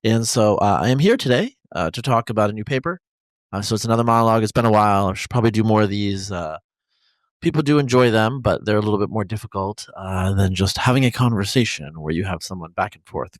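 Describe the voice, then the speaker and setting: A man hosting a podcast, talking through a science paper in an unscripted monologue, halting with many fillers and restarts. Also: fairly low pitch, dry recording. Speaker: podcast host.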